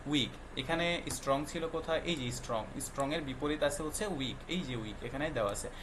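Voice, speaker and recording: A man's voice: fairly high pitch, a little fast, background noise. Patient man teaching young children. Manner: patient, quizzing with frequent questions; mixes English words into explanations. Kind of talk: classroom explanation for young children.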